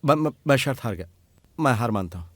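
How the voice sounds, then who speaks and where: A man's voice: mid-range voice, expressive, a little fast, close to an everyday voice. An actor dubbing a shy young man who stammers heavily on first sounds, in a film dub. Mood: struggling.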